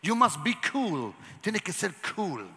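A pastor preaching to his congregation, moving hushed whispers to shouts and asking the crowd questions. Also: high voice, sing-song, slow. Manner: asks the congregation questions and has them repeat lines. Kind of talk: lively sermon to a congregation. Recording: church hall with long reverb.

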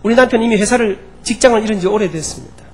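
Brief: a preacher voicing a desperate deaconess pleading her case, with a high voice. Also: very fast. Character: struggling middle-aged deaconess pleading with her pastor.

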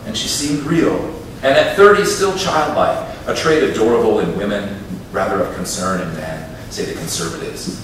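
Man, live poetry reading, wry offhand asides, distant mic, noisy background. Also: lowish voice. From Minnesota, USA. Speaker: poet. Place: university reading room before an audience. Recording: echoey room, distant mic, background noise.

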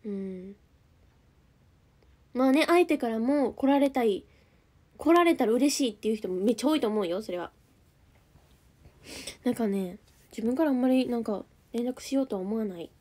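A woman's voice: a little high, expressive, normal speed, pauses often, warm tone. A young woman with a Kansai accent chatting casually on a livestream, reading out viewer comments and answering them. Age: young adult. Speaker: idol group member streaming live.

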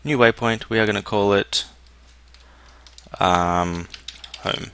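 A man's voice: lowish voice, slow pace, fairly bright tone, clean tone. A young man giving casual let's-play commentary, muttering and thinking aloud as he plays. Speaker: gameplay commentator.

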